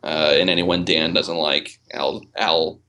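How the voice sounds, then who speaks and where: A man's voice: extremely low pitch, steady tone, slow pace, sharp tone. A man hosting a casual podcast chat, rambling with many fillers and restarts and swearing casually. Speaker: podcast host.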